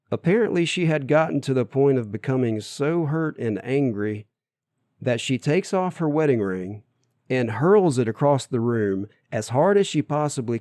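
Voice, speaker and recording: A man's voice: mid-range voice, mellow, no echo, studio quality. A man narrating his own memoir as an audiobook in an earnest, plain storytelling manner.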